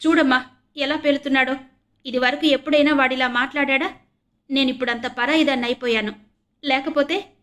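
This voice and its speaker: A hot-tempered young woman, read by a female narrator, lashes out with sharp, clipped words. Her voice rides high and forceful in this audio-novel scene. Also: quick pace. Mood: sobbing. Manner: sharp scolding, sobbing.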